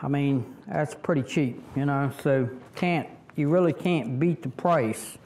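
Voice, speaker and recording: A middle-aged Southern man drawls through a tractor how-to in an easygoing, unhurried way. His voice sits a little high for a man, and he wanders and restarts with plenty of "um"s and "you know"s. He is heard outdoors under a shelter, a few steps from the camera. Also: darkish tone. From Virginia, US. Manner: rambling, folksy, many fillers and restarts. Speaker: tractor vlogger. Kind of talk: casual how-to vlog.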